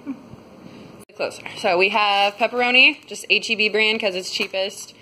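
A woman in her twenties rambles casually into her phone camera, held at arm's length, for a grocery haul vlog, full of fillers, first from a parked car and then in her home kitchen. Her voice is medium-pitched and sharp at a moderate pace, and the recording is rough.

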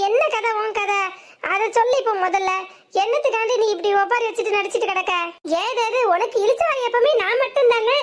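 A woman voicing a sharp-tongued, bossy village daughter-in-law in a cartoon, speaking with a Tirunelveli Tamil accent as she mocks and scolds. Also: extremely high pitch. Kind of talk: cartoon voice acting.

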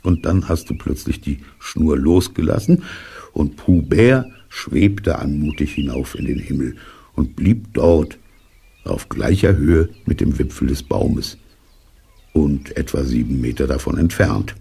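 An older man narrating a children's story for an audiobook, telling it with lively inflection. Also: extremely low pitch, measured pace. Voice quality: gravelly, husky.

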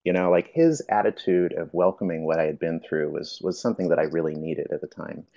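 A man's voice: deep voice, brisk, dark tone, dull audio. A man presenting a workshop, telling his personal story in a reflective, hesitant way with frequent fillers.

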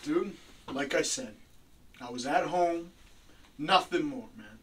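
A man's voice: on the high side, expressive, takes it slowly, a bit bright. A young man playing a defensive suspect under interrogation, insistent and slangy. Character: defensive young male suspect living with mom. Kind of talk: amateur acted interrogation scene. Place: small room, camera across the room. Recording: distant mic, noisy room.

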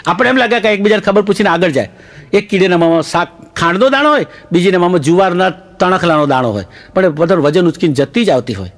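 Sex: man. Role: comedian. Style: stand-up joke telling. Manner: animated, laughs along with his own lines. Pitch: high for a man. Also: fast talker. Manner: animated, laughs through his punchlines, mixes in English phrases.

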